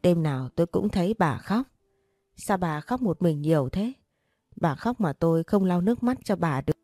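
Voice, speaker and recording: A woman's voice: fairly low pitch, animated, moderate pace, dark tone, dry recording, clean studio sound, faint music behind. Woman voicing a grieving ghostly father. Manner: pleading, fatherly. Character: dead father, older man, tender and grieving.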